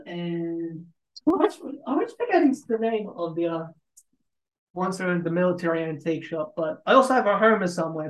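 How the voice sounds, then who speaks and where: A man hosting a casual chat show, speaking softly and hesitantly, often trailing off. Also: sits high. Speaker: host. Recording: echoey room.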